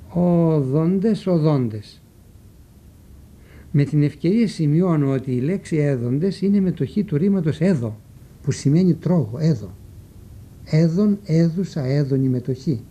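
An older man teaching in a slow, deliberate way, repeating words and spelling them out as he lectures on grammar. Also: fairly high pitch, dark tone, husky.

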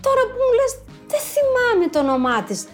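Woman putting on a loud blunt old village man. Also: extremely high pitch, sing-song, faint music behind, voice pushed up.

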